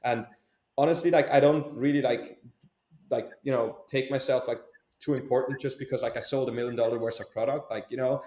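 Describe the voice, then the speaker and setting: A man's voice: medium pitch, steady tone, a little fast, darkish tone. A young man from Switzerland, an entrepreneur answering interview questions in a hesitant way, with many fillers and restarts. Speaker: entrepreneur guest. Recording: echoey room.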